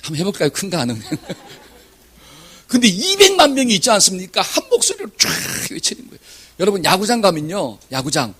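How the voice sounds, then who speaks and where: In a church sanctuary, a pastor delivers a Sunday sermon in a high, slightly breathy voice at a normal pace. His delivery is lively and animated, with shouted examples, and he often questions the congregation and leads them in reading scripture aloud.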